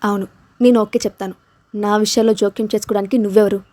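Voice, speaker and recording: Woman reading a feisty young woman who fights back then teases, mellow warm voice. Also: medium pitch, fairly even intonation, quick pace, natural voice. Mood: defiant. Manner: defiant, playful.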